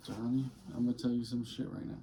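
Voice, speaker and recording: Guy hosting a casual podcast, cusses a lot, really dull low-bright voice, noisy muffled audio. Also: flat delivery, fast talker, creaky. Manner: blunt, profane. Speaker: podcast host.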